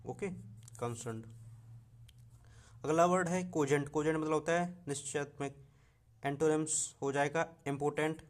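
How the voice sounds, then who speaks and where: A man's voice: fairly high pitch, moderate pace, long pauses. A young man teaching an exam vocabulary lesson, reading words off a list, repeating them and correcting himself.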